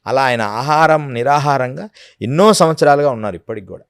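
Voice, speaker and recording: A man's voice: mid-range voice, animated, fairly quick, creaky, dry recording, studio quality. A man, a yogi guest speaking earnestly in an interview, often acting out quotes. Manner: earnest, storytelling with acted quotes. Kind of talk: devotional interview talk.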